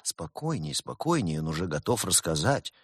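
A man voicing an animal police lieutenant playing good cop, calm and falsely sweet. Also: low-pitched, moderate pace, husky, no room sound, clean studio sound, full character voice. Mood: soothing. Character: same animal lieutenant turned soft, sugary good cop. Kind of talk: audiobook character voice.

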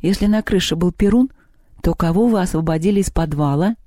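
A storyteller voicing a clever schoolgirl who gently coaxes and flatters a boy into helping. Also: medium pitch, fairly quick, dry recording, clean studio sound, close to an everyday voice. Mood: thoughtful. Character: clever pleading schoolgirl, coaxing.

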